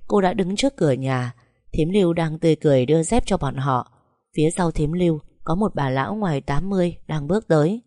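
A woman reads a romance novel aloud in a steady, even way. Her voice sits low and mellow. The recording sounds close and dry. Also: dry recording. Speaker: audiobook narrator. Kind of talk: scripted story narration.

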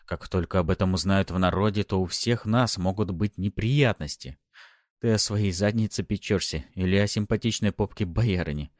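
A man voicing a stern young male bodyguard who talks gruffly and snaps when pushed. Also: deep voice, normal speed, no room sound, clean studio sound, lightly acted. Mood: worried. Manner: gruff, snapping.

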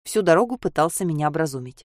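Woman reading in a low, dry voice. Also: animated, fast, a little mellow, dry recording. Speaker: audiobook narrator. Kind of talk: first-person novel reading.

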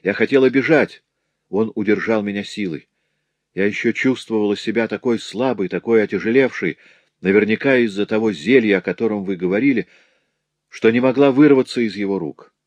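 A man's voice: fairly low pitch, a little fast, dry recording, lightly acted. A man reading a story aloud, voicing a wronged young working woman telling of her ordeal. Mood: anguished. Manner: pleading, anguished.

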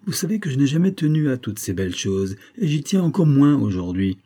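A man's voice: medium pitch, brisk, mellow, pitched above the performer's own voice, close to an everyday voice. A man voicing a proud, cold young woman in an audiobook, speaking haughtily and impatiently. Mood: scornful.

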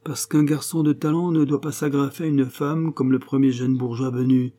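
A man's voice: mid-range voice, level tone, normal speed, dark tone, voice pushed up, natural voice. A man reading aloud, voicing a sarcastic, worldly middle-aged writer who lectures in a mocking tone. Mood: lecturing.

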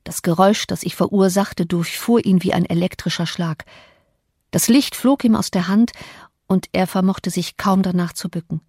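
A woman reading a classic novel as an audiobook narrator, measured and dramatic, on a close studio mic. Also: lowish voice, fairly even intonation, darkish tone, slightly rough, no echo.

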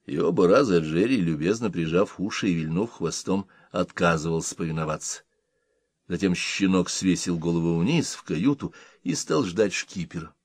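A man reading an audiobook in measured, expressive narration. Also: low voice, no echo, clean studio sound. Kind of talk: scripted narration.

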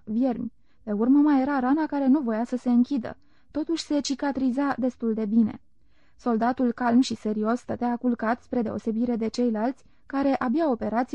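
Woman, audiobook narration, calm, measured, slightly high voice, dry close sound. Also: no echo. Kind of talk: literary audiobook reading. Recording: dull lo-fi recording.

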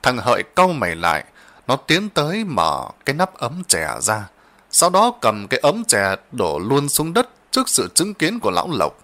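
A man narrating a horror story in a dramatic, expressive reading. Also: medium pitch.

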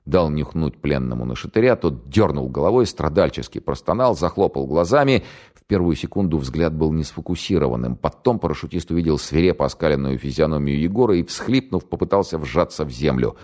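A man narrating a novel in an expressive storytelling manner. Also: a bass voice, fairly quick. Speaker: audiobook narrator. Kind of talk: scripted narration.

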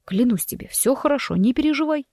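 A woman reading the part of a calm, gently mocking young husband, soft and amused. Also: high-pitched, quick pace, no room sound, studio quality, voice pushed up. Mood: soothing.

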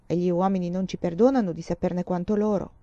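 A woman's voice: fairly low pitch, steady tone, fast, dark tone, no room sound, lightly acted. A woman voicing a mature, ambitious woman writer who speaks in intense, rueful bursts, on a dull lo-fi recording. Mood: bitter.

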